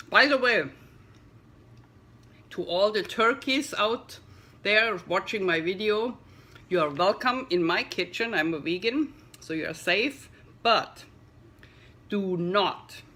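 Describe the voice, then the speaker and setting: A woman's voice: mid-range voice, pushed and bright. A middle-aged woman chatting casually in her home kitchen for a food taste-test vlog, talking as she eats. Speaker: vegan cooking vlogger.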